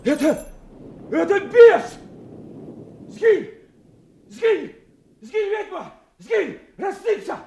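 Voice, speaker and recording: An actor playing a frantic mad beggar in a stage tragedy, shrieking and raving as if fiends chase him. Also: male voice, very high voice, sing-song, very slow, gravelly, long pauses, mellow, heavily acted. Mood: shrieking terror. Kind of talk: theatrical classical tragedy acting. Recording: echoey room.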